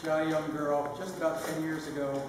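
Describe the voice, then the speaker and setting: An older man giving a sentimental, lightly humorous father of the bride speech, halting with pauses mid-phrase. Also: on the high side, level tone. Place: large reverberant room at a wedding reception. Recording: echoey hall, distant mic, noisy room.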